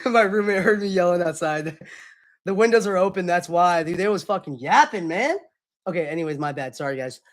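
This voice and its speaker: A man's voice: sits high, animated, a little fast. A young man streamer chatting casually with his live chat, loose and slangy, often apologizing.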